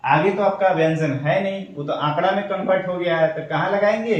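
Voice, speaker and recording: A man's voice: sits high, brisk. A man teaching shorthand step by step, patiently asking questions and answering them himself. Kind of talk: step-by-step tutorial explanation. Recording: echoey room, voice from a distance.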